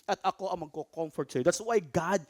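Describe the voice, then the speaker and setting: A man with a Filipino accent preaching a sermon in church, mixing in English, swinging from loud calls to hushed near-whispers. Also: sits high, fairly quick. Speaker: pastor.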